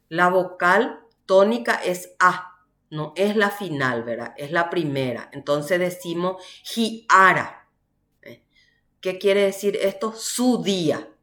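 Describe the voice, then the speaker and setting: A woman teacher from Paraguay giving a university language class, explaining slowly and often checking with "¿verdad?". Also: mid-range voice, fairly bright tone, roomy sound. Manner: slow, explanatory, frequent "¿verdad?" tags. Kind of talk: online class lecture.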